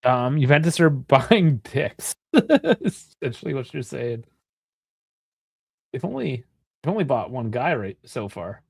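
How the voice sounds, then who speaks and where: A very animated, unhurried man with a mid-range, gravelly voice and a breathy edge leaves long pauses, on a clean studio recording with no room sound. A Canadian in his thirties, he co-hosts a soccer watchalong and chats casually, rambling with frequent laughter and swearing.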